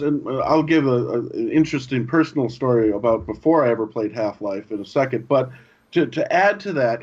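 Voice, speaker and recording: A man co-hosting a gaming podcast, chatting casually and telling stories with lively acted-out lines. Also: medium pitch. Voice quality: animated storyteller, acts out game lines. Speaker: podcast co-host. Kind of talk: casual chat. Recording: dull lo-fi audio.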